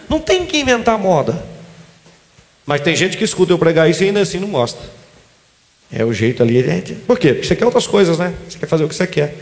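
A pastor preaching a sermon in a church, emphatic and lively, calling on the congregation to respond and slipping in humorous asides. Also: male voice, high-pitched. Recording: church hall with long reverb.

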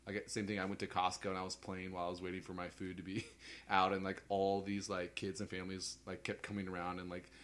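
A man's voice: sits low, monotone, quick pace, fairly bright tone. A man co-hosting a casual gaming chat, telling stories with lots of fillers and laughs. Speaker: podcast co-host.

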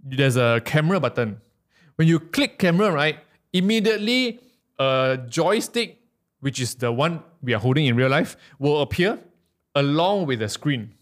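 A Malaysian man with a Malaysian English accent, co-hosting a casual podcast and telling a story step by step with animated energy. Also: on the high side, moderate pace. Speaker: podcast co-host. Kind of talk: casual chat.

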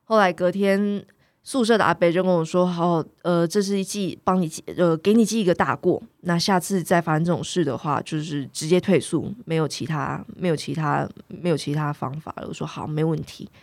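A woman's voice: fairly low pitch, a little fast, dry recording. A young woman casually telling a story on a chat podcast, acting out the people in it and laughing often.

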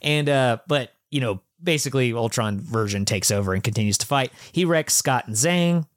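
A man's voice: mid-range voice, animated, moderate pace, no echo, studio quality. A man in casual podcast chat, recapping a comic book story, with frequent laughs and lots of fillers and restarts.

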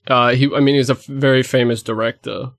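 A man's voice: mid-range voice, flat delivery, brisk, vocal fry, a bit bright, no echo, clean studio sound. A man co-hosting a casual podcast, rambling and laughing often, with casual swearing. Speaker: podcast co-host.

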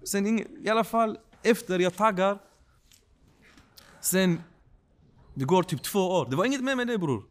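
A man telling a personal story in a casual podcast chat, slangy and animated, often checking that the listener follows. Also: high voice, pauses often. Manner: slangy, animated, keeps asking if you follow. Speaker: podcast guest.

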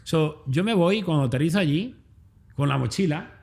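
A man's voice: fairly high pitch, expressive, moderate pace, gravelly, a little mellow, slightly rough. A man in his thirties with a Spain Spanish accent, a podcast guest telling his story bluntly and crudely and tagging his lines with "bro". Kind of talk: casual interview storytelling.

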